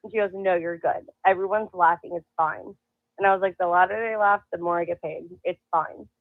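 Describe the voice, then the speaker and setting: A woman's voice: lowish voice, fairly quick, no room sound. A woman guest telling a story in casual chat, laughing often and acting out what people said. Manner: animated, laughing, acts out quotes. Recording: tinny phone-like call audio.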